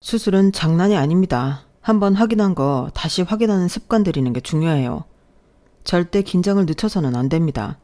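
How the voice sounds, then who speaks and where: A woman's voice: lowish voice, animated, mellow, natural voice. A woman reading as a stern young male surgeon. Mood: firm. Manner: measured, firm, authoritative.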